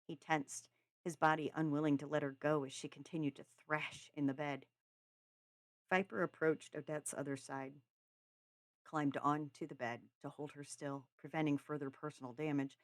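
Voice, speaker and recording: A woman podcast host reading a story aloud and bantering, animated, her voice shooting high when flustered. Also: normal speed, dry recording, clean studio sound.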